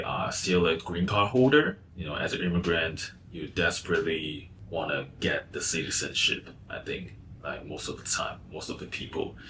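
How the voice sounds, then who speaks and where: Low-voiced and relaxed, this thirty-something vlogger raised in Taiwan reflects on his life as a freelance designer and coach. His casual talk rambles, with fillers and restarts throughout. There's slight background noise.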